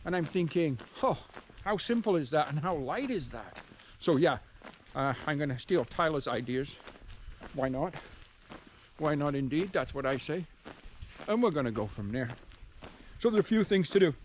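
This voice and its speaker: Fairly high in pitch and animated, he talks at a moderate pace with long pauses, rambling casually to viewers and often interrupting himself. This hiking vlogger walks a rural trail and country road, recording on a handheld camera with outdoor noise and ambience around him.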